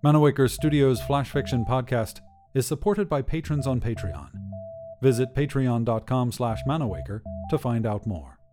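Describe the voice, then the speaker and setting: A man's voice: medium pitch, lively intonation, moderate pace, over music. A man narrating scripted first-person short fiction for a podcast.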